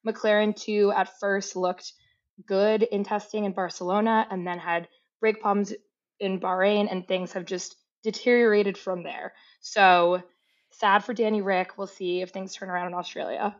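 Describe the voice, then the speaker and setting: A woman's voice: medium pitch, steady tone, moderate pace. An upbeat woman co-hosting a chatty podcast, her voice sitting in an ordinary middle register. The sound is a little dull and lo-fi, as from a modest home mic. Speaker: podcast co-host. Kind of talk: casual chat.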